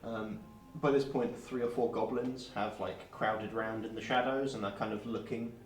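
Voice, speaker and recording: Relaxed man narrating a tabletop game. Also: on the low side, moderate pace. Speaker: game master. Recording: roomy, distant mic, faint music.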